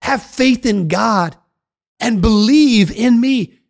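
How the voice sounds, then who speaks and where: An earnest, gently reassuring Jesus, put on by a narrator in a dramatized Bible storybook reading. The lines come slow and deliberate, with the voice lifting a little when he comforts his followers. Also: medium pitch, animated. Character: calm earnest male Jesus teaching followers.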